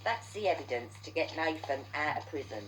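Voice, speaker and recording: A woman's voice: low-pitched, expressive, fairly quick, a little hiss or hum, poor audio. A woman in a heated, sweary ranting monologue, stumbling over repeated words as she gets worked up.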